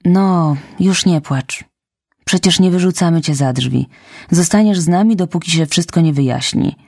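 A woman voicing a stern, practical middle-aged woman who speaks briskly and firmly. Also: lowish voice, a little mellow, dry recording, clean studio sound. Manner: brisk, firm.

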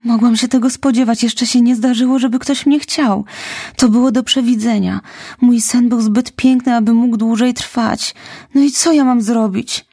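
A woman's voice: fairly high pitch, steady tone, moderate pace, warm tone, slightly rough, dry recording, clean studio sound, voice pushed up. Woman playing a dramatic orphan girl. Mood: despairing. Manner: pleading, theatrical. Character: young orphan girl, dramatic, dreamy, tearful.

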